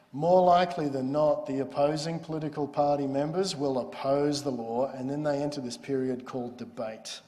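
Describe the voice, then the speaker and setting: A man giving a university law lecture in a relaxed, explanatory, conversational way. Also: medium pitch. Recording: lecture hall with long reverb.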